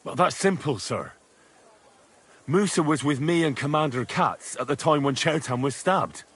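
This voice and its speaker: A young soldier in a video game who presents evidence in a steady, matter-of-fact way. His slightly husky voice sits a little high. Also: moderate pace.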